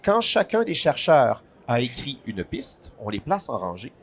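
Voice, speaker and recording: A man explains a board game's rules at a festival stand, patiently and one step at a time. His pitch sits in the middle range, and now and then he slips in a dry joke. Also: wildly swooping pitch, a little slow, breathy edge. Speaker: board game publisher guest.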